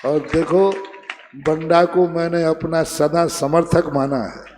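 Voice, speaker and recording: A man delivering a sermon at an unhurried, deliberate pace, leaning hard on his key phrases and teasing the crowd now and then. His voice sits a little high yet sounds dark and mellow. It rings out with a long reverb, as if carried over a PA at a big outdoor gathering. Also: steady tone, slight background noise. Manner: slow, emphatic preaching with playful teasing of the audience. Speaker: Jain monk preacher.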